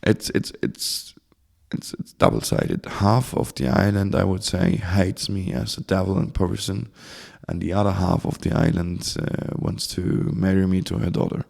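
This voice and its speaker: A German community founder, appearing as a guest in a casual interview, speaks English with a German accent, rambling and searching for words. His voice sits low and sounds gravelly and darkish, at a moderate pace.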